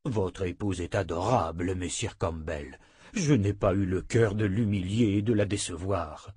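A powerful, pious official, as a man reading the tale plays him, oily and solemn in his courtesy. He speaks slowly and deliberately, the sound close and dry. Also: on the low side, expressive, breathy edge, no room sound. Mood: unctuous.

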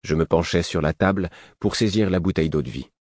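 A man reading a novel aloud as a calm, even first-person narrator. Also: sits low, a little fast, no room sound, studio quality. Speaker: audiobook narrator.

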